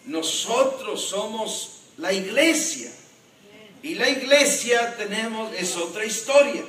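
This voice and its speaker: A man, a pastor, preaching a sermon in an animated way and joking with the congregation. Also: high-pitched, slow pace. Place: church. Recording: echoey church hall from a distance.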